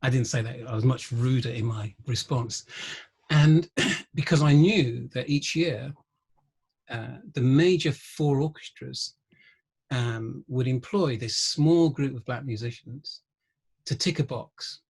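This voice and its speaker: A middle-aged man, a guest musician and researcher, telling wry anecdotes in an interview, often pausing with ums. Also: mid-range voice, creaky, a little mellow, breathy edge. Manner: anecdotal, wry, laughs through stories, frequent ums. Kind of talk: conversational interview storytelling.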